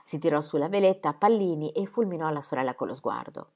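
Calm woman reading a novel aloud. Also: deep voice, fast. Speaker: reader. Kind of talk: scripted narration.

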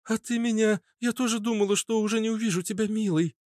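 A man's voice: high voice, fairly even intonation, fast, darkish tone, no room sound, clean studio sound, voice pushed up, natural voice. A man voicing a young, affectionate heroine who squeals and teases, in an audiobook. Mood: tender. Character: woman, young, loving, playful heroine. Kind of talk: audiobook character voice.

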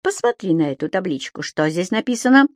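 A woman's voice: lowish voice, very animated, a little fast, no echo, studio quality. A woman voicing a scheming, pompous middle-aged man who gives curt commands and puts on false politeness.

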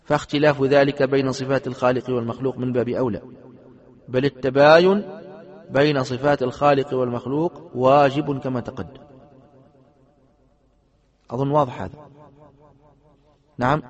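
A man's voice: medium pitch, fairly even intonation, moderate pace, long pauses, dull audio. A man, a sheikh, teaching a classroom lesson on Islamic creed. He reads a passage aloud, explains it, and keeps asking his students rhetorical questions. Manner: asks the students rhetorical questions and checks they understand.

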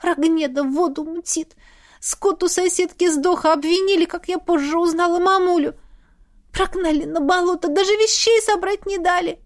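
A woman voicing a frightened young maid who pleads in a high, teary voice in an audiobook. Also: steady tone, normal speed. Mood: tearful.

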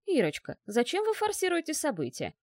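A woman's voice: high-pitched, huge pitch swings, fairly quick, dry recording, studio quality, voice pushed up, full character voice. A woman voicing a fussy, chattering middle-aged male doctor who talks in a wheedling way.

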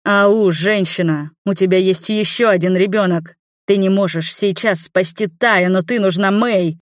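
A woman voicing a gentle young man who speaks calmly, softly and slowly. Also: medium pitch, dry recording, clean studio sound, natural voice. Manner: calm, soft and slow. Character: calm gentle man, shapeshifter lover.

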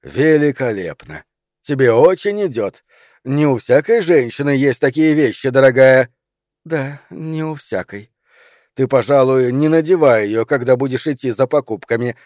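A man's voice: mid-range voice, lively intonation, normal speed, a little mellow, dry recording, clean studio sound, close to an everyday voice. A man reading aloud and voicing a smug, condescending middle-aged husband.

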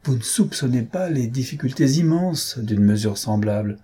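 A sharp-witted young gentleman with a dry, sardonic edge, played by a male narrator. The voice is dark and husky, only slightly raised. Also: medium pitch, lively intonation, normal speed. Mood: mocking.

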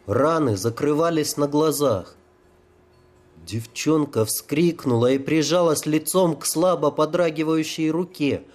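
A man reading an audiobook in a slow, measured narration. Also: on the high side, a little mellow.

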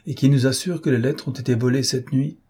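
Dude doing a stern emperor, short commanding lines, husky and mellow, storybook reading. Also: male voice, mid-range voice, fairly even intonation, fairly quick, close to an everyday voice. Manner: curt and commanding. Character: stern, imperious male emperor. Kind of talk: audiobook character reading.

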